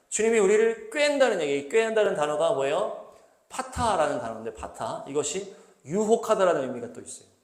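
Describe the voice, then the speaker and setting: A male pastor preaching a sermon, posing rhetorical questions to the congregation and slowly reading scripture aloud. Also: high-pitched, echoey room. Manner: asks the congregation rhetorical questions and answers them; reads scripture slowly and deliberately. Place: church hall.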